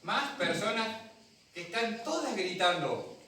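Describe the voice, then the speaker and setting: Male Argentine pastor, lively storyteller sermon, high voice, recorded from afar in an echoey hall. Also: slow. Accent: Argentine Spanish. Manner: storytelling, acts out voices, talks with the congregation. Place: church hall. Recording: echoey hall from a distant mic.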